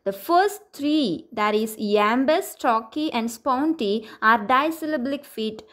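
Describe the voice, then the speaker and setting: A young woman teaching a lesson, explaining terms in a steady, methodical way with examples. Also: fairly high pitch, takes it slowly.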